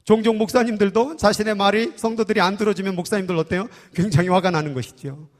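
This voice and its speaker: High-voiced pastor in a reverberant hall. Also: male voice, quick pace. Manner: conversational, teasing the congregation with questions. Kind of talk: sermon. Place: church sanctuary. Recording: long church hall reverb.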